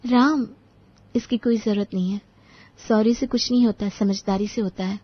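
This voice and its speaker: A woman voicing a calm, sensible young wife who speaks in a composed, measured way. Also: medium pitch, slightly rough, no room sound, lo-fi sound, close to an everyday voice.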